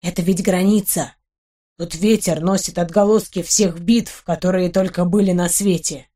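A woman voicing a blunt young male wizard companion in a spoken storybook, talking low and brusquely. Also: fairly even intonation, moderate pace, warm tone, lightly acted. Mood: calm explaining.

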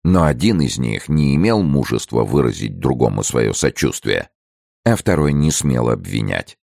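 A man narrating an audiobook in a steady, serious storytelling manner. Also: a bass voice, normal speed, creaky, dry recording, clean studio sound. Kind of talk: scripted narration.

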